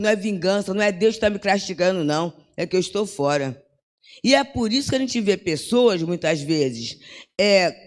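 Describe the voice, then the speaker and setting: An older woman giving a religious lecture, talking in a conversational way with frequent tag questions and acted-out bits of dialogue. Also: fairly low pitch. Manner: conversational, peppers with "né?", acts out dialogue. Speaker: spiritist lecturer. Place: lecture hall at a spiritist center. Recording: long hall reverb.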